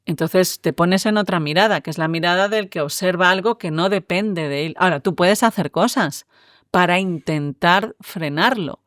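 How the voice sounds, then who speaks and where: A woman, a neuroscientist guest explaining ideas in a relaxed interview, often ending with tag questions. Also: fairly low pitch, moderate pace, dry recording, studio quality. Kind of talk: conversational interview.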